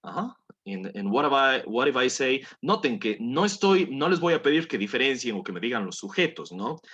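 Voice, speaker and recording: A man's voice: mid-range voice, sing-song, moderate pace, a bit bright, breathy edge, lo-fi sound. A man teaching a language class, patiently coaxing students through pronunciation drills and repeating words for them to copy. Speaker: English teacher.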